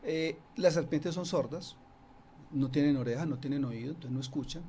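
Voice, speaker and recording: A man's voice: on the high side, moderate pace, mellow, a little hiss or hum. A man from Antioquia, a guest on a radio interview, explaining casually with many restarts and fillers. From Antioquia, Colombia. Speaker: snake expert guest. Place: radio studio.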